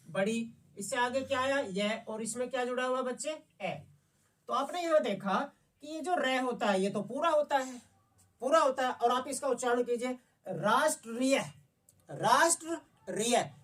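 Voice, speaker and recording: A woman teacher with a slightly high voice explains a lesson to children at a patient pace. She keeps stopping to check that her students are following. Her voice sounds a little distant from the microphone. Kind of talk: classroom lesson.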